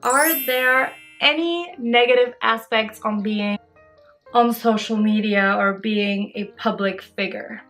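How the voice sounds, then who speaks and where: A woman's voice: a little high, slow pace, fairly bright tone, faint music behind. A woman in her twenties answering fan questions in a casual, bubbly and giggly vlog chat. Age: 20s. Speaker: social media creator.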